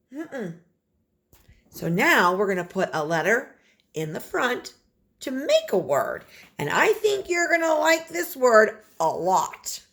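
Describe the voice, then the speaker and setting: A woman's voice: fairly high pitch, gravelly, a bit bright. A woman kindergarten teacher giving a phonics lesson to young children, sounding out and repeating words with exaggerated emphasis and encouraging them directly.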